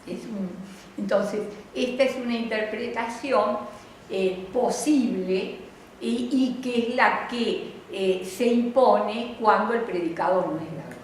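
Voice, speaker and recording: An older Argentine woman delivers a conference lecture in a slow, measured way, pausing often to think. Her voice sits a little high for a woman. It is heard in a very echoey hall with a faint hiss of background noise. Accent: Argentine Spanish. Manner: slow, deliberate, frequent hesitations. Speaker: linguistics lecturer.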